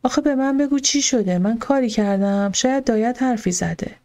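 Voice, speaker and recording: A woman's voice: a little high, lightly acted. A woman voicing a teasing young husband. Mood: coaxing. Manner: coaxing, gently teasing.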